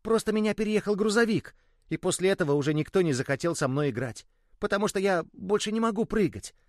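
Man voicing a small burst ball, high-pitched, pleading, tearful, dry close sound. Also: animated, fast, no echo.

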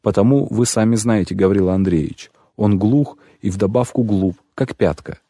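A man's voice: lowish voice, normal speed, dark tone, dry recording, studio quality. A man voicing a self-pitying grown shoemaker who pleads and laments at length, in an audiobook reading. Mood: pleading.

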